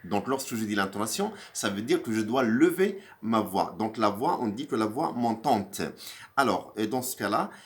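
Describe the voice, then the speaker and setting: A man's voice: fairly low pitch, expressive, moderate pace. A male teacher giving a recorded video grammar lesson, hesitant with many fillers and restarts, lifting his voice on the example questions. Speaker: French teacher.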